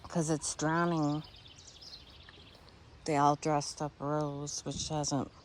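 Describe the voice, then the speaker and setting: Woman, low-ish voice, slow unhurried talk, casual garden tour, faint outdoor noise with birds. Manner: relaxed, musing, trails off mid-sentence. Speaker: garden vlogger.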